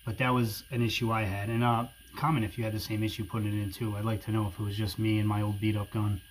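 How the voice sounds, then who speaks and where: Low-voiced man with a New England accent. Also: fast talker, low-quality recording. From New England, USA. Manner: informal, hedging, conversational. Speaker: firearms review video host. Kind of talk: casual product review talk to viewers. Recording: steady background noise.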